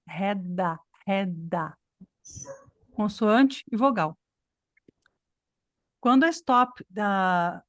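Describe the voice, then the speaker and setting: A woman's voice: medium pitch, no echo. A Brazilian woman teaching English over a video call, patient and explanatory, often checking that her students follow. Her voice sits mid-range and sounds dry and close on a computer mic. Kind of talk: online class.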